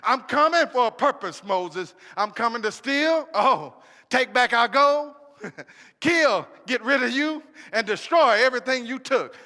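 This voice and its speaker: A man's voice: very high voice, lively intonation, a little slow, sharp tone, long reverb tail, exaggerated voice. A man voicing Pharaoh as a menacing, boastful male thief who is set on taking everything back.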